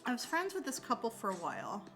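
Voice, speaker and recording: A middle-aged woman chats casually while she crafts, in a voice that sits a touch high. She is frank and swears freely, laughing often and restarting her sentences. Faint music plays in the background. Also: huge pitch swings, fast, sharp tone. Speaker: crafter chatting while working. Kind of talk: casual chat.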